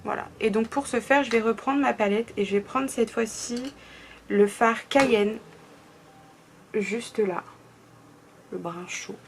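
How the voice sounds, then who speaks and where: A woman's voice: a little high, takes it slowly, long pauses, a little hiss or hum. A young woman from France chatting casually through a makeup tutorial, often trailing off into murmurs. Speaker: beauty vlogger.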